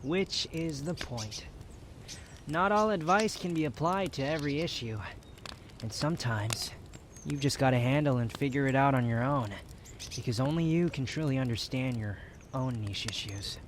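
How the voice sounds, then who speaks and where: A man's voice: medium pitch, normal speed, a little hiss or hum, close to an everyday voice. A man playing an aloof, prickly young wanderer in a romantic roleplay ASMR, speaking in dry, formal phrases with reluctant tenderness. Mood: gently advising.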